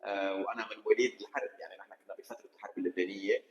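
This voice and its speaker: A man's voice: on the low side, steady tone, racing, muffled recording. A middle-aged Lebanese man from Kesrouan with a Lebanese accent, a podcast guest eagerly explaining his engineering career in detail. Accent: Lebanese Arabic. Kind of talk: casual interview conversation. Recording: roomy studio echo.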